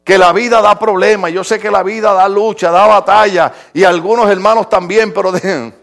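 Middle-aged male pastor, impassioned sermon delivery, high pitch with a rough, gravelly edge. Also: fairly even intonation, normal speed. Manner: impassioned preaching, swinging from shouts to quiet.

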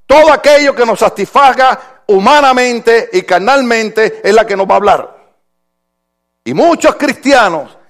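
An older male pastor with a high, bright voice for a man, delivering a sermon. He keeps asking his congregation questions and weaves stories into his preaching.

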